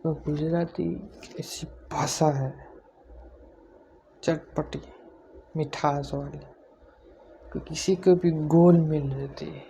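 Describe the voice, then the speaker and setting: Guy vlogging from home, keeps his voice low on purpose, mellow and kinda monotone. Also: takes it slowly, vocal fry, long pauses, slight background noise. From Gujarat, India. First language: Gujarati. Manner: speaks quietly on purpose, self-deprecating. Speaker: YouTuber. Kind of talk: casual vlog talk to camera.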